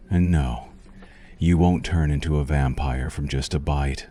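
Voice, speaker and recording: A man plays a male vampire doctor in an ASMR-style roleplay, speaking very slowly in an abyssally deep, dark-toned voice. Courtly and intimate, he soothes with a menacing edge, every phrase laced with possessive, suave hunger. There is slight background noise.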